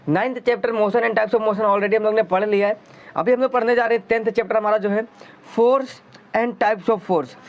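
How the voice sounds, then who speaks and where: A man teaching a school science lesson in a chatty, coaxing way, asking his students questions as he goes. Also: high-pitched. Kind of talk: explaining a science lesson in Hindi. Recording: dull lo-fi sound.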